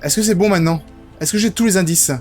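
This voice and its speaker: A young man from France giving excitable, casual commentary as he plays a video game, swearing now and then. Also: sits high, quick pace. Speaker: gaming video host. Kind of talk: casual let's-play commentary. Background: game music.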